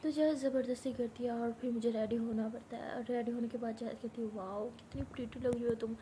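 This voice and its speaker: A young woman narrating a personal love story in first person, acting out the dialogue in a soft, hushed voice. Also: a little high, fairly even intonation, fairly quick, noisy background.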